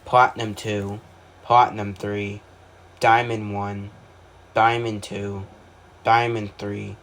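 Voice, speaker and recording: In this amateur mock emergency broadcast, a video creator narrates his own fictional alert scenario like an announcer, sometimes stumbling over words. His voice is fairly low, flat, slow, and fairly bright. Background noise is noticeable.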